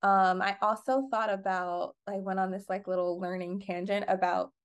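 A woman's voice: medium pitch, fairly even intonation, normal speed, clear, resonant tone. A young adult woman co-hosting a podcast, explaining things in a casual chat full of fillers and restarts. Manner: chatty, many fillers and restarts. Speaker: podcast co-host.

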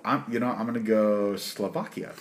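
A man's voice: fairly low pitch, fairly even intonation, moderate pace, a little hiss or hum. A man co-hosting a casual trivia board game, joking and laughing often. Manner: jokey, laughs often, slips into put-on accents.

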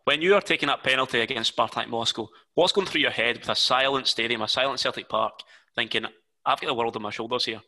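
A man's voice: mid-range voice, fast, bright, forceful tone, rough recording. A man interviewing a guest, asking long questions with detailed setups.

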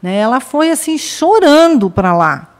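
A woman from Brazil, a podcast guest, telling a family story in a lively way and acting out her relatives' lines. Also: high voice, a little slow. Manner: lively, acts out family members' quoted lines. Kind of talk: casual storytelling in conversation.

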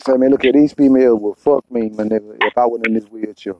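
A man's voice: mid-range voice, steady tone, fast talker, dull audio, a little hiss or hum. A man chatting casually in blunt, profane street slang, often repeating himself to press his point. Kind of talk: casual conversation.

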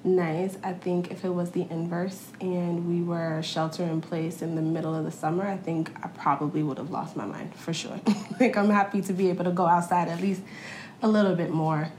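Flat-toned Brooklyn woman guest. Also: lowish voice, moderate pace, slight background noise. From Brooklyn, New York. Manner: friendly, chatty, laughs easily. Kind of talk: podcast interview.

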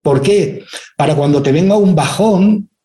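A man with a somewhat high yet mellow voice delivers an inspirational lecture. He keeps asking his listeners rhetorical questions and briefly acts out the voices in his stories. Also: unhurried. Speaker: speaker giving a talk.

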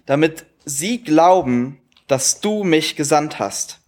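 A male interpreter with a slightly raised pitch renders a sermon phrase by phrase. He hesitates now and then, searching for words with fillers before finishing each line. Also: animated, slow.

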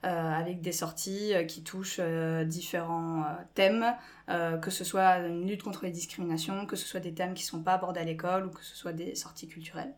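A woman's voice: on the low side, fairly quick. Chatty french woman in her twenties. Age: 20s. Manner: animated, gestures a lot, many fillers. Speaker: guest, school staff member. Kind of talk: casual podcast interview.

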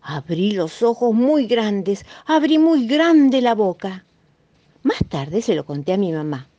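A woman with a Rioplatense accent reads a children's story slowly and playfully. Her voice is fairly high and swings widely in pitch, on a dry, dull recording. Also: dry recording. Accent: Rioplatense Spanish. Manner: expressive, playful.

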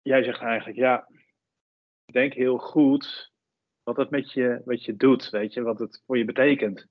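A man's voice: mid-range voice, steady tone, a little slow, dry recording. A man hosting a podcast, asking searching questions in a hesitant way, full of fillers. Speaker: podcast host. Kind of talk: casual podcast interview. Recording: dull, muffled audio.

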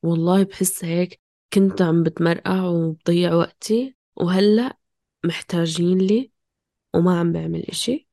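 A woman's voice: lowish voice, steady tone, moderate pace, vocal fry, warm tone, no echo, clean studio sound. A woman talking casually and passionately, questioning herself in fragmented bursts. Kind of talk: casual, impassioned conversation.

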